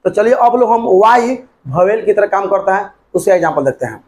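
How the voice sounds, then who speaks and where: A man's voice: high-pitched, lively intonation, brisk, a little mellow. A man teaching an English grammar lesson, repeating points and spelling words out letter by letter.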